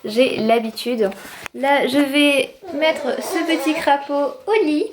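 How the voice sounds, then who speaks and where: A chatty young woman vlogging from her apartment into a handheld camera. Her voice sits fairly high, and her talk is bubbly and full of little fillers. A faint hiss runs under the indoor recording. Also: slow pace. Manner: chatty, enthusiastic, many fillers. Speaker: family vlogger. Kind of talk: casual vlog chat to camera.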